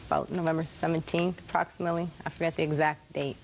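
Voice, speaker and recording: A woman's voice: sits low, level tone, fast talker, slight background noise, poor audio. A woman plaintiff in a television court, giving brief, hesitant answers to questions.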